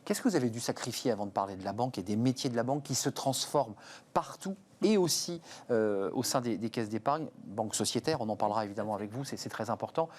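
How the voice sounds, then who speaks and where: Rapid-talking male interviewer. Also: medium pitch, lively intonation, darkish tone. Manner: brisk, leading questions. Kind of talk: business interview.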